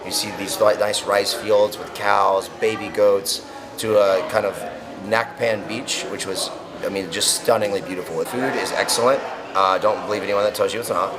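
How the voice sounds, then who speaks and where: A man's voice: on the low side, steady tone, normal speed, noisy background. A man from the United States, a tourist, giving articulate, reflective interview answers.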